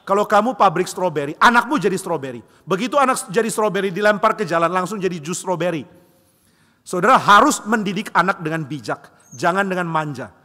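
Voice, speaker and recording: Animated preaching man in a reverberant church. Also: high voice, fairly quick. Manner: animated, acts out quoted voices, jokes. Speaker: pastor. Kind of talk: sermon with humorous storytelling. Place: church hall.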